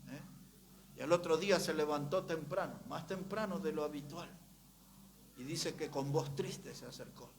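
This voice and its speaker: A man preaching a Baptist sermon, emphatic, moving between quiet asides and loud, rising passages. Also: a little high, background noise.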